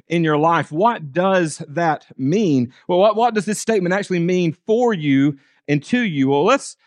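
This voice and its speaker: A man delivers a sermon in a fairly high voice with a close, dry sound. He addresses listeners directly, leaning on repetition and pointed rhetorical questions for emphasis. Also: expressive, normal speed, no room sound. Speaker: preacher. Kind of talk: sermon to a congregation with teenagers and parents.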